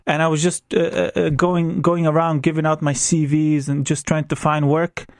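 A young Croatian-accented man speaks in a fairly high voice, recorded dry and close in a radio studio. He tells his story candidly but hesitantly, full of restarts and small fillers. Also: little pitch movement, moderate pace, creaky, no room sound. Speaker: interview guest. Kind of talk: radio interview.

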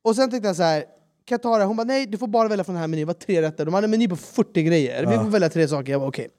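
A man, telling a travel story in casual chat and acting out the people he met in broken English. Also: high-pitched. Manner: animated, acts out quotes in broken English. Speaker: podcast host.

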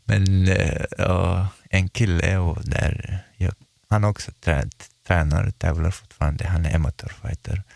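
A man's voice: low-pitched, steady tone, gravelly, darkish tone. A young man who is a guest and a fighter, telling stories casually and acting out what other people said. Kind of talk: casual podcast conversation.

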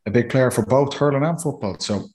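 Quick Irish man chatting sport. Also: mid-range voice, a little mellow, slight background noise. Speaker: sports podcast pundit, former player. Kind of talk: casual banter and match analysis.

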